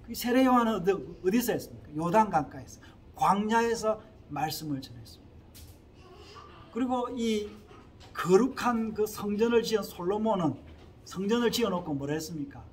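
A man's voice: high voice, slight background noise. A man from the Gyeongsang region with a Gyeongsang accent, preaching a sermon as a pastor in his small church and often asking the congregation questions. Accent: Gyeongsang Korean. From Gyeongsang region, Korea. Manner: earnest preaching with frequent rhetorical questions to the congregation. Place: Korea-linked small church abroad.

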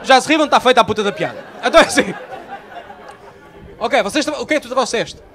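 A young man with a Portuguese accent doing live stand-up, bantering loudly with the audience and swearing freely. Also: very high-pitched, animated, fast. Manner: loud, profane banter with the audience. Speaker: stand-up comedian. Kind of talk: live stand-up with crowd work. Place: comedy stage before a live audience. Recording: live show with faint crowd noise.

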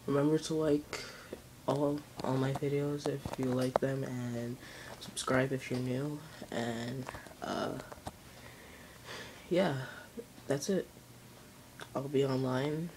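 A video channel host making a casual announcement to viewers, halting and muffled by cloth over the face. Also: mid-range voice, fairly even intonation. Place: indoors in a room, seated in an armchair. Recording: clear background room noise.

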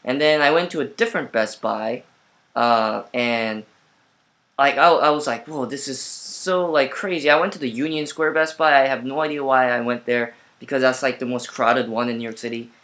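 Man, casual vlogger, bright tone, rambly with fillers, laptop webcam at home. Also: medium pitch, steady tone, moderate pace. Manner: rambling, lots of fillers and restarts. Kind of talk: casual vlog storytelling.

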